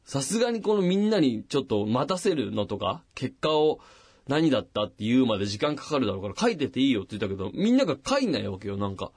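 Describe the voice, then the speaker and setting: A man's voice: fast, breathy edge, no echo, clean studio sound. A man hosting a late-night radio show, casually telling a long personal story and acting out the voices of the people in it. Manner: animated, acts out quoted voices with big pitch jumps. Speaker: radio host. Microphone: studio microphone.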